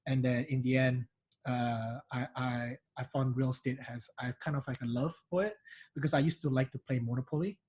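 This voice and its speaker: Husky-voiced man with a Singaporean-Indonesian accent. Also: medium pitch, brisk, low-quality recording. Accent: mixed Singaporean and Indonesian. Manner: animated, laughs easily, many restarts. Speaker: guest. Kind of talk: casual interview chat.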